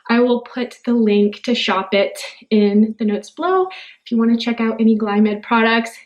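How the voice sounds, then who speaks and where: A woman's voice: fairly high pitch, darkish tone. A young adult woman esthetician, talking through her skincare routine in a chatty, talkative way. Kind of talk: casual skincare tutorial.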